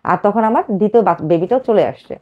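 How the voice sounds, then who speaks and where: Fast-talking woman telling her life story. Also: medium pitch, phone-quality sound. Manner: fast, emotional storytelling with many fillers. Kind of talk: personal life story told to a radio host.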